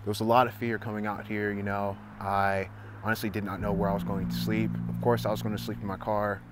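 A young man from Southern California, a photographer talking casually to camera about a spontaneous trip, relaxed and laid-back. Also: on the low side, quick pace. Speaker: photographer and vlogger. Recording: noisy outdoor ambience.

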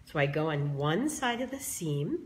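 A slightly hoarse woman demonstrating bow making in a live craft tutorial, chatting with viewers as she explains each step. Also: low voice, big pitch swings, normal speed. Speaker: craft tool creator demonstrating bows.

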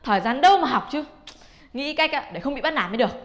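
A woman's voice: sits high, animated, fast talker. An actress playing a young female student who is put-upon, naive, chatty and easily fooled. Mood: grumbling.

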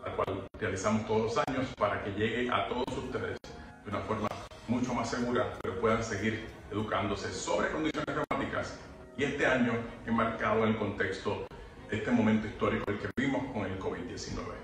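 A man hosting an educational health event, reading a steady, informative scripted narration. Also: lowish voice, fairly quick. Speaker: host. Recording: roomy, distant, music underneath. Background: music.

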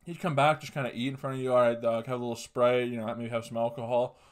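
A man's voice: medium pitch, fast talker. Profane young man telling rambling stories. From Canada. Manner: rambling, profane, animated storytelling. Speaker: podcast host. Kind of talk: casual comedic storytelling. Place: small room at home, indoors.

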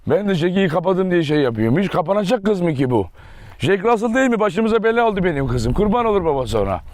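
A man's voice: high voice, sing-song, a little mellow, no echo. A young man chatting casually as he walks viewers around his dog farm outdoors, often cooing affectionately at his dogs. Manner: fast, affectionate baby talk to his dogs. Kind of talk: casual vlog walkthrough.

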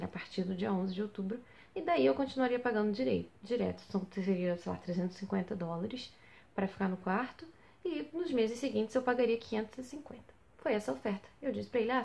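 A young woman telling a story in a casual vlog from a small basement bedroom, animated and full of rhetorical questions. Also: fairly high pitch. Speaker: vlogger on exchange.

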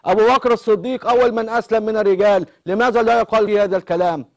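A man's voice: sits high, fairly even intonation, very fast. A male TV host with an Egyptian accent who keeps pressing a caller with insistent questions on a live call-in show. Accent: Egyptian Arabic.

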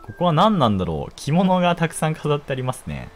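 A young man giving casual, jokey commentary while playing a game, quick to exclaim and laugh. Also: a little high, huge pitch swings, soft background music.

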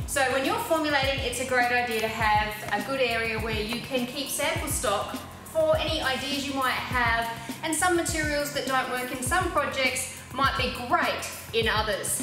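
A woman in her forties with an Australian accent, giving an upbeat, practical guided tour of her cosmetic lab and talking straight to the viewer. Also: fairly high pitch. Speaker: cosmetic chemistry educator. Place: small commercial lab with steel benches, indoors. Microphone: lapel mic. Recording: echoey lab room with background music.

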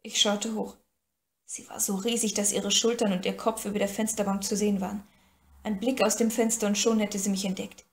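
A woman's voice: medium pitch, flat delivery, fairly quick. Woman narrating an audiobook, echoey. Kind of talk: first-person audiobook narration. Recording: echoey room.

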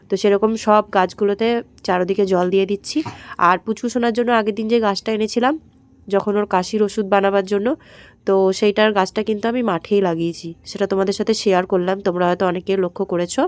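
A woman with a hoarse throat, chatting straight to her viewers in a daily-life vlog voice-over recorded at home. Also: medium pitch. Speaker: vlogger.

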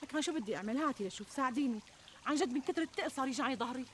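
An actress playing a plump, middle-aged Syrian housewife who complains expressively and plaintively in a TV comedy. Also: female voice, sits high, expressive, rapid-fire, a bit bright. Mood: exasperated, insistent. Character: plump, fretful, self-deprecating housewife and mother. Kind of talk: conversational TV comedy sketch acting. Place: outdoors in a garden. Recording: outdoor ambience, trickling water noise.

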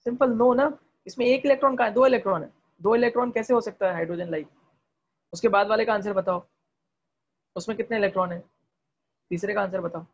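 A man teaching chemistry in an online class, talking fast, quizzing students with repeated questions and mixing English terms into Hindi. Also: high-pitched, lo-fi sound. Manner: talks fast. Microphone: video call.

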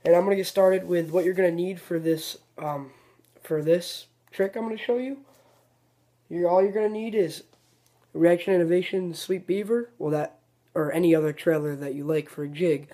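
In this fishing clip, the host's voice sits high and moves at a moderate pace as he demonstrates a tackle trick one step at a time. His explanations are laid-back and meandering, and he frequently starts sentences over to correct himself.

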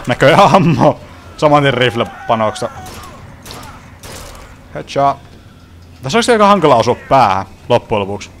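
A man's voice: medium pitch, a little hiss or hum. A young man casually commenting on his own gameplay from home, swearing often and grumbling at the game. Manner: swearing, frustrated, chatty. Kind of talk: casual let's play commentary.

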